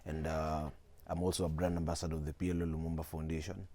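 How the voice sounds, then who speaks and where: A nineteen-year-old Kenyan-accented man appears as a guest in a studio interview, speaking earnestly and steadily. His very deep voice is mellow and level in tone, and he measures his words while mixing in Swahili slang.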